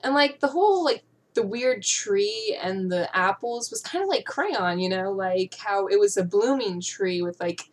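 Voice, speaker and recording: A woman's voice: mid-range voice, expressive, a little slow. A young adult woman talking casually as a music video reaction commentator, informal and giggly as she thinks aloud. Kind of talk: casual fan discussion.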